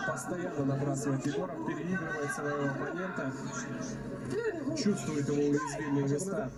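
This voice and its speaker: A man's voice: on the high side, fairly even intonation, moderate pace, loud music behind the voice. A man giving live boxing commentary, calling the action and adding analytical, slightly hesitant asides. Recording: roomy, distant, very loud crowd noise. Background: loud arena crowd.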